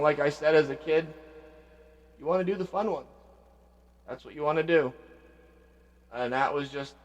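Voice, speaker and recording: A man hosting a vlog, reminiscing casually and reflectively, often trailing off quietly. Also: on the high side, long reverb tail. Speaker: vlog host paying tribute to his father. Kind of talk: casual spoken reminiscing between songs.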